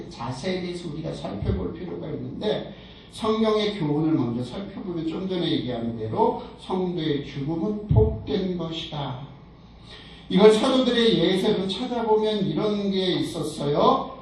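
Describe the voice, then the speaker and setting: A man's voice: high voice, slight background noise. A man preaching to a nursing home chapel congregation, putting questions to them and rising to emphatic peaks. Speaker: pastor. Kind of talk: sermon. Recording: echoey chapel recorded from a distance.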